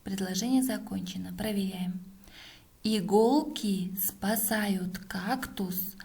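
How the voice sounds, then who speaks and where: A woman teacher is dictating a text for pupils to write down. Her delivery is extremely slow, set at a middle pitch for a woman. She breaks sentences into separate words with long pauses and repeats them. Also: mellow.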